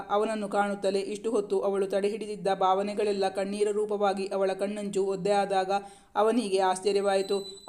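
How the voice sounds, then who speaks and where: A man reading a romance story aloud as narrator, in a steady, even storytelling manner. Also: sits high.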